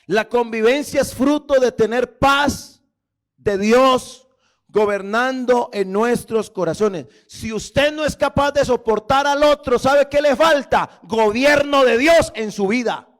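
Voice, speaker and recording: A male pastor preaching a sermon with passion, often rising to shouts and calling his listeners brother. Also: very high-pitched, slow.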